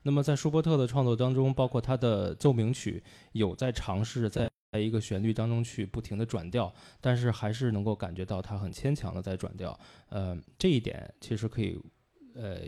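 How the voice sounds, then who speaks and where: Gravelly low-toned man explaining music. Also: a little fast, mellow. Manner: explanatory, with frequent hesitations. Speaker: music commentator co-hosting a livestream. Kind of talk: livestream music talk.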